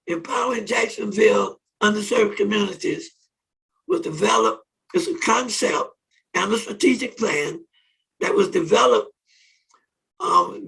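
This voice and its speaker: A hoarse man hosting a conference on online radio, talking haltingly with many pauses and restarts. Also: sits high, fairly bright tone, recorded from a distance, low-quality recording. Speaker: conference host. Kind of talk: opening remarks on online radio. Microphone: phone or conference call.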